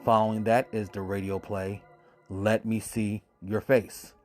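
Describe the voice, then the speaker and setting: Over soft background music, a man hosting a horror radio podcast introduces episodes enthusiastically and emphatically, drawing out his words. His voice is fairly low and level in tone.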